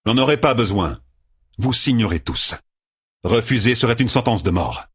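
A man voicing a stubborn, resolute young male hero in an audiobook, making firm, measured declarations in a husky voice. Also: mid-range voice, lively intonation, no echo, clean studio sound, pitched above the performer's own voice.

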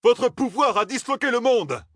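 A man's voice: high-pitched, sing-song, takes it slowly, husky, no echo, studio quality, pitched above the performer's own voice, heavily acted. A man doing a ranting young zealot officer. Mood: indignant. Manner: shouting, ranting. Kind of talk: audiobook character voice.

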